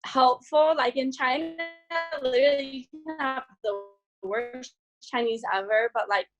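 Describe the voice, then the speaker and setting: A woman's voice: high-pitched, unhurried, faint music behind, rough recording. A young woman from California, a podcast guest chatting casually, laughing often and filling her talk with "like". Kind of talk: casual chat.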